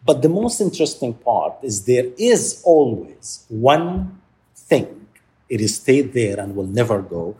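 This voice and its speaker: Halting, soft-spoken male interview guest. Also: medium pitch, very animated. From Palestine. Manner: halting, searching for words, frequent restarts. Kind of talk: reflective interview talk.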